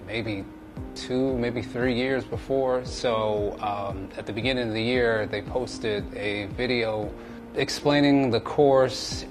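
A man giving an eager, quick-paced interview testimonial in a studio on a lapel mic. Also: medium pitch. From southern United States. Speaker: training course participant. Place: indoor studio with grey backdrop. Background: music bed.

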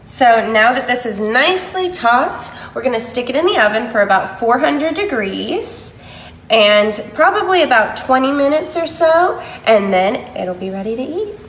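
A woman's voice: fairly high pitch, sing-song, normal speed, roomy sound, a little hiss or hum, low-quality recording. A woman hosting a casual home cooking video, walking through each step and gushing over the food.

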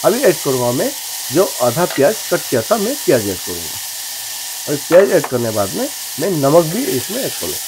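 A man's voice: a little high, wildly swooping pitch, moderate pace, background noise. A man in his thirties, a cooking channel chef, talking viewers through a recipe step by step in a chatty, repetitive way, calling them friends. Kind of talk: cooking tutorial narration.

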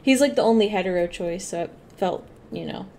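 A woman's voice: medium pitch, a little fast, dark tone. A woman streamer giving casual, joking, crude commentary over a game.

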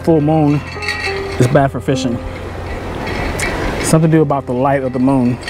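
Standing on a pier outside, a middle-aged man in his fishing vlog chats to his audience with easygoing slang. His medium-pitched voice keeps a moderate pace and fairly even intonation, with loud music underneath.

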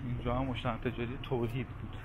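A man talks casually as he walks city streets, his voice mid-pitched. Clear traffic noise runs behind him outdoors. He points things out and reads off prices in a relaxed, chatty way. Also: highs cut off. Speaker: walking tour vlogger. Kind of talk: casual walking-tour narration.

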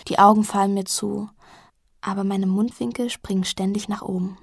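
A woman reading a novel aloud in the first person, intimate and at times softly hushed. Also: mid-range voice, no echo, clean studio sound. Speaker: audiobook narrator.

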